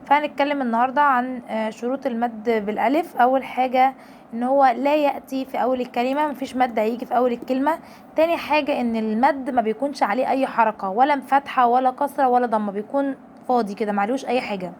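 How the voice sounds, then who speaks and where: A woman's voice: sits high, fast talker, darkish tone, a little hiss or hum. A woman with an Egyptian Arabic accent teaching a reading lesson to parents, explaining patiently and stretching out syllables to demonstrate.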